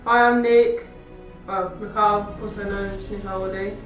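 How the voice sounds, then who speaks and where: A nineteen-year-old youth work apprentice answers interview questions casually, saying "like" a lot. Her medium-pitched voice is steady and at normal speed. The recording sounds roomy, with the mic far away and faint music playing.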